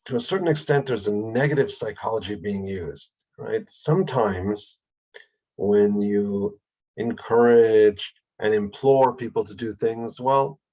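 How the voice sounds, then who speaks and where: A man lecturing on a Bible text, speaking thoughtfully with pauses and fillers. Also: fairly low pitch, a little mellow, rough recording. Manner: lifts his voice to act out quoted speech. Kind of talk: explanatory lecture.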